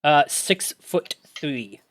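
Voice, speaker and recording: A man's voice: fairly high pitch, animated, very slow, fairly bright tone. A man running a tabletop game in casual chat, who laughs often and pokes fun at himself. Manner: laughs often, self-deprecating. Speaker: game master.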